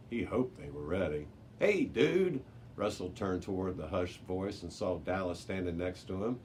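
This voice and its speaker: Working as a library narrator, a man reads a children's adventure story aloud, stumbling slightly now and then. His voice sits low with a darkish tone, and there's noticeable background noise.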